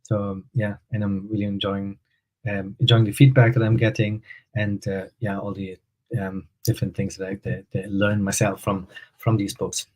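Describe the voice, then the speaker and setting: Hesitant low-voiced man on a call. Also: little pitch movement, moderate pace, darkish tone, poor audio. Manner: hesitant, many fillers and restarts. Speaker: guest author. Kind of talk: casual live-stream interview. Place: home, joining remotely.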